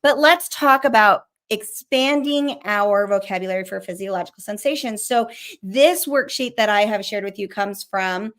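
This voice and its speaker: Middle-aged female counselor host, quick chatty explainer with a casual tongue. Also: medium pitch. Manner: fast and chatty, swears casually. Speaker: licensed counselor hosting a mental health show. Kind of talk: casual teaching while sharing a screen.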